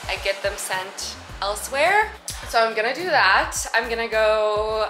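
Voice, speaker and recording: A young woman in her twenties with a slightly raspy voice, chatting casually to camera in her apartment kitchen, full of "like" and "um". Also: mid-range voice, rough recording. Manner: chatty, relaxed, lots of "like" and "um". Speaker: vlogger. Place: small apartment kitchen, indoors.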